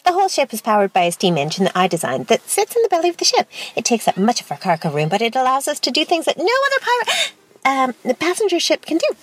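A bright, eager young woman engineer, put on by a male narrator in falsetto. Her voice is very high and bouncy, full of chirpy enthusiasm, and it leaps around in pitch. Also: wildly swooping pitch, quick pace, full character voice.

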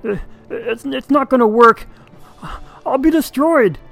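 A performer voicing a timid, panicky young male dragon in an audiobook drama, with a frantic, stammering, high-pitched delivery. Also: normal speed, faint music behind, natural voice.

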